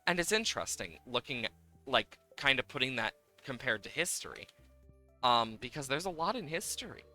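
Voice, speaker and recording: Sing-song and mid-range, this streamer's pushed, bright voice moves at normal speed while he chats eagerly during gameplay. He wanders between topics and reads game dialogue aloud over video game music.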